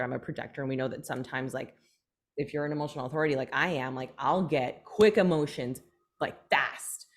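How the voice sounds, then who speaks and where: Low-voiced woman, animated podcast host. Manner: animated, many fillers and restarts. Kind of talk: casual conversation.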